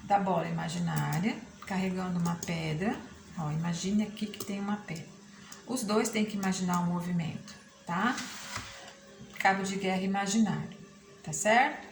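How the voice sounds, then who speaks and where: A woman's voice: on the low side, moderate pace, vocal fry. A woman teacher with a Brazilian Portuguese accent gives a remote lesson from a textbook, patiently checking in with her students. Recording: echoey room with background noise.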